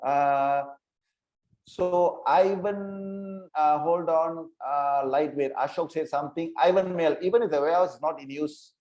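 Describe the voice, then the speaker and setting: A man's voice: a little high, steady tone, a little slow, darkish tone, poor audio. A man teaching an online insurance training session, repeating key points and checking that listeners follow.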